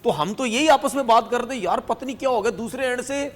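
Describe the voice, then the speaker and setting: A man speaking Urdu with a Pakistani accent, an animated and sarcastic cricket analyst on a studio panel. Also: very high-pitched, a little fast, long reverb tail. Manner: animated, sarcastic, repeats "theek hai".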